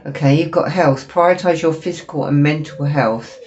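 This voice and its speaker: A woman's voice: low-pitched, fairly even intonation, normal speed, darkish tone. A woman with a cold, sniffling as she gives a chatty, apologetic tarot reading to camera with lots of fillers. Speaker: tarot reader. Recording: dull lo-fi recording with faint noise.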